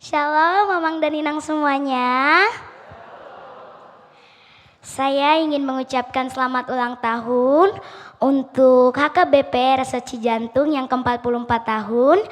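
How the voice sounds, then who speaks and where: A woman's voice: sits high, steady tone, unhurried, long pauses. Woman greeting a church in a hall. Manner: polite formal address. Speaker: guest singer. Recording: long church hall reverb.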